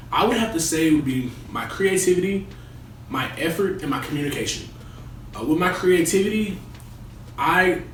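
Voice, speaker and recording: A man's voice: medium pitch, lightly acted. A young man playing a resident assistant in a comedy skit interview, talking colloquially about himself. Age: young adult. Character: young male resident assistant, cocky and boastful or earnest. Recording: echoey room, distant mic, noisy.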